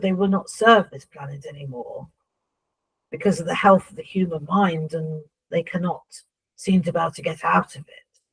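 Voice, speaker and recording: A woman speaking as a seance medium in trance, voicing a solemn, instructive spirit guide who addresses humans, with a husky voice. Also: on the low side, darkish tone, poor audio.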